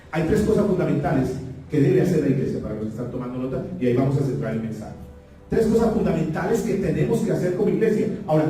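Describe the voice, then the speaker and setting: Male pastor, high dark voice, preaching, heard from far off in a booming echoey hall. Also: a little hiss or hum. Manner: calls the congregation to repeat after him; emphatic, repeats key phrases. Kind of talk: sermon. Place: church hall.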